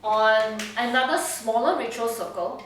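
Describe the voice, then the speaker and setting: A woman's voice: fairly high pitch, unhurried, fairly bright tone, a little hiss or hum. A woman narrating a tabletop game as game master, chatty and casual, often checking in with her players. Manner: casual, chatty, frequent laughs and "okay?" checks. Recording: roomy echo, distant mic.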